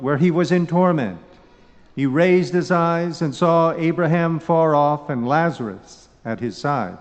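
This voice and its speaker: Man reading scripture in cathedral echo. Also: on the high side. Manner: measured, formal delivery. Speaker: clergyman reading the Gospel. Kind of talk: solemn scripture reading at Mass. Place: large reverberant church. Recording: dull recording with long cathedral-like echo.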